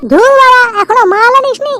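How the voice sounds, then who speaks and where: A man with a West Bengal accent voicing a pushy, freeloading drunkard in a comic cartoon, nagging repetitively through a pitched-up effect. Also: fairly quick, over loud music. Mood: pestering. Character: pushy, freeloading male drunkard craving booze.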